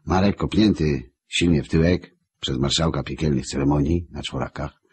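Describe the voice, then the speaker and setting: A man narrating an audiobook in a wry storytelling manner, with a husky voice. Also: extremely low pitch, a little hiss or hum.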